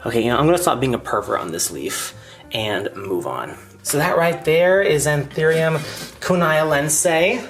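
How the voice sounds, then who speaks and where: A campy, chatty man showing off his houseplants in a casual vlog, his pitch swooping up and down as he gushes. He jumps from soft murmurs to sudden excited outbursts. Faint music plays quietly in the background. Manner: gushing over details, sudden loud bursts of excitement. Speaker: plant collector vlogger. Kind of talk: casual show-and-tell vlog.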